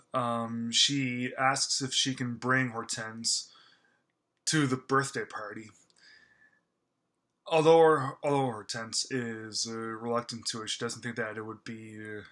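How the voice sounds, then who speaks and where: A man's voice: medium pitch, pushed and bright. A man giving a casual spoken film review, gushing and stammering with lots of fillers and restarts. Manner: stammering, halting with many fillers; gushing and enthusiastic. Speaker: movie reviewer.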